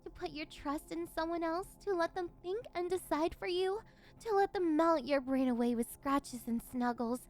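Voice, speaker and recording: A woman's voice: very high voice, moderate pace. A woman playing a possessive, unhinged yandere villainess in an ASMR role-play, cooing and teasing condescendingly as she domineers over her captive. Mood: smug, domineering.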